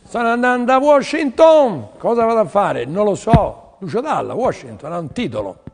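High-voiced pushy art auction salesman. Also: sing-song, normal speed, creaky, big-room sound. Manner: pushy, urging, repeats phrases. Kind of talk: televised art auction pitch.

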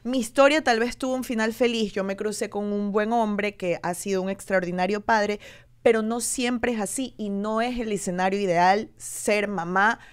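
A woman's voice: medium pitch, normal speed, clear, resonant tone. A woman from Ecuador in her thirties, a television presenter being interviewed, telling her story candidly and acting out what people said. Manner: animated storytelling, acting out quoted voices.

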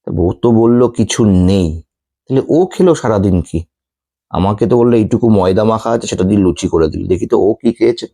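A man's voice: lowish voice, a little fast, gravelly, dark tone. Man playing a stressed husband. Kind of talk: acted family short drama.

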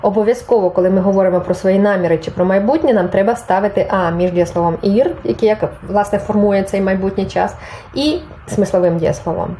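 A woman's voice: medium pitch, brisk, mellow, a little hiss or hum, poor audio. A woman teaching a Spanish grammar lesson, patiently explaining and reading example phrases aloud, then translating them. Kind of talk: online language lesson.

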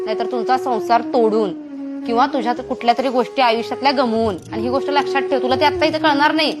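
A woman playing a calm elder sister-in-law who patiently persuades a younger woman to keep the family together. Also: high-pitched, close to an everyday voice. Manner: patient, persuasive, gently lecturing. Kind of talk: domestic skit monologue. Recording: music playing under voice. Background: background music.

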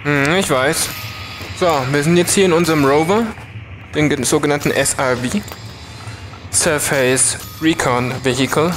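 A man's voice: fairly high pitch, measured pace, poor audio. A German man giving casual game commentary as a let's player. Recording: very loud music and game sounds behind. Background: music, vehicle and game sounds.

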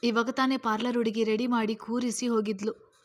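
A woman's voice: fairly high pitch, level tone, normal speed, slight background noise, lightly acted. A woman voicing a distraught middle-aged mother who talks while crying, fretful and pleading, in a read-aloud story. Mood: tearful.

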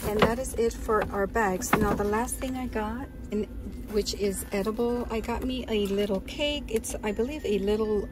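A woman's voice: medium pitch, rough recording. A woman talking chattily and with enthusiasm as she shows off her purchases in a casual vlog, recorded while sitting on her bed. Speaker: vlogger.

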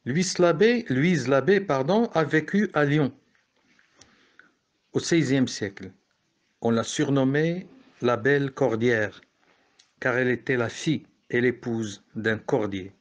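A man's voice: medium pitch, slow pace, pauses often. A man from Morocco teaching a French poetry lesson, explaining step by step and correcting himself as he goes.

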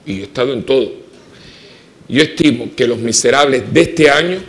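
A man with a Puerto Rican accent, a parish priest preaching a homily full of personal stories, swinging from emphatic peaks to soft, quiet asides. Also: fairly high pitch. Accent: Puerto Rican Spanish. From Puerto Rico. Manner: animated storytelling, rising to emphatic peaks and dropping to soft asides. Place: church.

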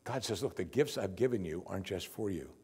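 Older man, pastor, husky voice, lively swooping pitch, chatty wry sermon, church lapel mic. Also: fairly quick. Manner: conversational preaching, lively and wry. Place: church sanctuary at a pulpit.

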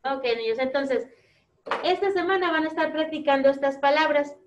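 Teacher, woman, high bright pitch, patient repeating delivery for small kids, dull lo-fi sound. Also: noisy background. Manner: slow, clear, repeating words for young children. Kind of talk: children's phonics lesson video.

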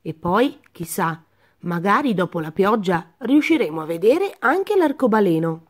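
A woman's voice: medium pitch, sing-song, a little slow. Elmer, the eager colorful elephant voiced by a woman. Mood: cheerful. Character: kind colorful male elephant, eager and generous.

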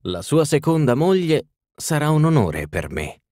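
A man voicing a fussy little male palm reader who pronounces readings in a measured, ceremonious way. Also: fairly high pitch, very animated, darkish tone, no room sound, studio quality, pitched above the performer's own voice. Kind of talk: audiobook reading.

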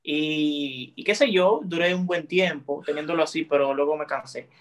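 Young Dominican male guest, friendly and easygoing, a touch high in pitch, heard through a video call. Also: normal speed. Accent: Dominican Spanish. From Dominican Republic. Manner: friendly, relaxed, chatty. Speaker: guest TikToker. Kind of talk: casual interview on a video call. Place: small room indoors.

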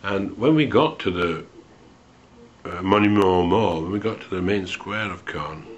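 A man recalls an old memory in a low, unhurried voice, pausing often and slipping in dry, wry asides. The recording is dull and lo-fi, with the top end muffled. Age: 60s. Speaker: storyteller recalling a student memory. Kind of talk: unscripted spoken memoir.

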